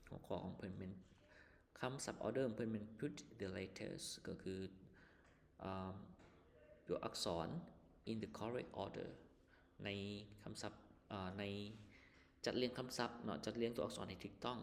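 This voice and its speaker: Slow gravelly Lao-male teacher. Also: on the low side, long reverb tail, a little hiss or hum. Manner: patient, repeats each word and translates it. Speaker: English teacher. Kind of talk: vocabulary lesson explanation.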